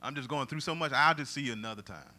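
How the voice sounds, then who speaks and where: Guy putting on a tired grown man sighing about quitting his late nights, bright voice. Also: mid-range voice, quick pace. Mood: weary.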